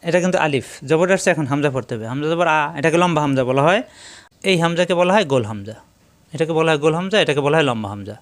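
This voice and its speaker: A man's voice: on the high side, fairly bright tone, clear, resonant tone, no echo. Patient man teaching Quran reading. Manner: slow, patient, repeats each rule. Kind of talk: tajweed lesson.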